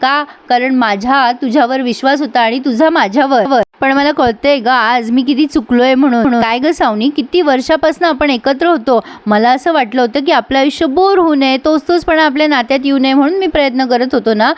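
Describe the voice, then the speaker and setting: A woman's voice: high-pitched, a little fast, hardly any pauses, natural voice. A woman voicing a scheming man who talks his way out of trouble in a wheedling, self-justifying tone, as she retells a TV serial episode. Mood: reproachful. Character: scheming smooth-talking husband pleading innocence.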